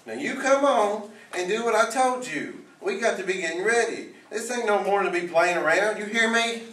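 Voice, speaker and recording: A man's voice: high-pitched, expressive, moderate pace, sharp tone, echoey room, recorded from a distance. A man acting as a fussing middle-aged mother in a school play, scolding in a motherly drawl. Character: fussing Southern mother Rose, middle-aged, bossy but loving. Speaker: student actor.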